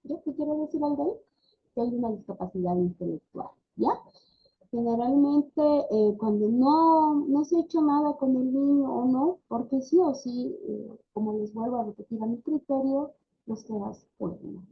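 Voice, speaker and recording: Husky woman teaching over video call. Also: high-pitched, moderate pace. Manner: explanatory, peppers sentences with tag questions. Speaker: speech therapy lecturer. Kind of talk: online class lecture. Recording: dull lo-fi video call audio.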